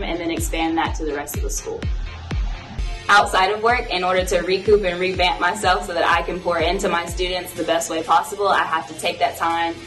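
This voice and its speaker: Lower-voiced young woman over music. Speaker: teacher. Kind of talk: interview for a school video. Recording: distant mic with music underneath.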